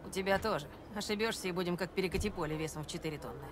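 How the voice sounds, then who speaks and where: A woman's voice: lowish voice, very fast, natural voice. Game racer, actress: tough desert woman, clipped, dry-humoured, noisy vehicle backdrop. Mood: dry, confident. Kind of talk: video game dubbing. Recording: clear outdoor and engine noise.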